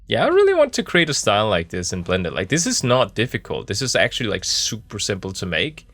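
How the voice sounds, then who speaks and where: A man's voice: on the low side, huge pitch swings, quick pace, a bit bright, dry recording. A man giving casual, joking game commentary, thinking aloud in a laid-back, rambling way as he streams. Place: small office in a camper.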